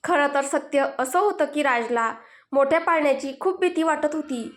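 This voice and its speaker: High-voiced woman narrating a story. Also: normal speed.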